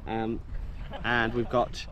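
A woman's voice: very deep voice, completely flat delivery, takes it slowly, highs cut off. A woman chatting casually on a vlog outdoors at a sports field, laughing at her own slip-ups. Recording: loud outdoor noise.

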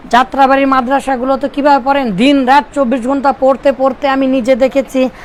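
A man's voice: extremely high pitch, a bit bright, slight background noise. A man from Bangladesh teaching Arabic grammar to a classroom of pupils, drilling and repeating phrases for them to echo.

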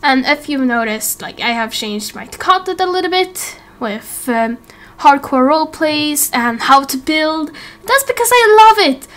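Hosting her YouTube roleplay series, a young woman in her late teens rambles casually through an update for viewers, giggling and cutting herself off. Her voice is high-pitched, animated, fairly bright, and unhurried.

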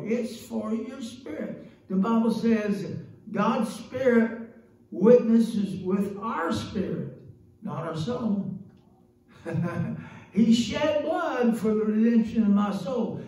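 A man's voice: high voice, dark tone. Older man preaching in an echoey church. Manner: folksy, chatty preaching with frequent "praise God" and laughs. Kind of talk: sermon. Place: small church sanctuary, indoors. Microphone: handheld microphone. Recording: very echoey room, voice from a distance.

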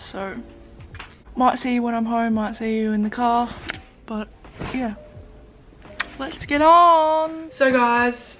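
A young woman with an Australian accent, chatting casually and informally as a vlogger. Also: fairly high pitch. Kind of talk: casual vlog chat. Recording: echoey room, distant mic, clear noise.

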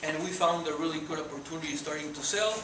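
A forties-aged guest speaker from Mexico, Spanish his native tongue, talks earnestly and with gestures to students in a lecture hall. His accented voice is a little high and moves at a quick pace. The recording is distant, off a far camera, in an echoey, noisy space.

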